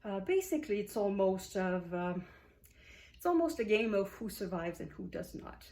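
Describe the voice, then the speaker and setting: A woman's voice: medium pitch, sing-song, normal speed, mellow. Female book vlogger, casual review talk, explanatory, lots of fillers. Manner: thoughtful, explanatory, frequent uh and um fillers.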